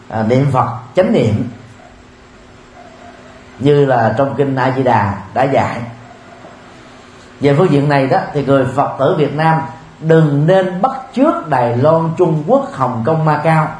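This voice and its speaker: A man delivers a Buddhist dharma talk in a steady, measured manner, pausing often with soft filler sounds. His voice sits in an echoey room with faint background noise. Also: medium pitch. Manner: measured, with frequent filler pauses. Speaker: Buddhist teacher. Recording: roomy with faint ambient noise.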